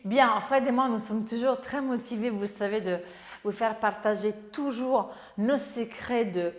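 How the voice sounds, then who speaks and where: A woman with a fairly high voice leads a Pilates session, calling out movements and breaths in an upbeat, brisk way. She sounds like she is in an echoey room where the sound rings on with a long reverb. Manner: upbeat, giving brisk exercise cues. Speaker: Pilates instructor. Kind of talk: guided workout instruction.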